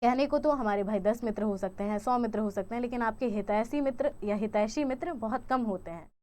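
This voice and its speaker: A young woman teacher runs an exam-prep grammar lesson in a fairly high voice. She keeps quizzing her viewers and repeats each answer choice as a question. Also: fairly quick, darkish tone.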